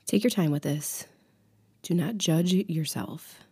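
A woman leading a guided meditation with affirmations in a calm, soothing, unhurried, breathy voice that is close to a whisper, right in the listener's ear. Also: fairly low pitch.

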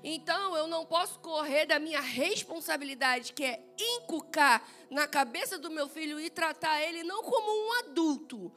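A woman pastor, preaching in church in a lively, playful way, acting out dialogue and laughing often. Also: high-pitched, normal speed, few pauses, soft background music. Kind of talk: sermon with personal storytelling. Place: church service.

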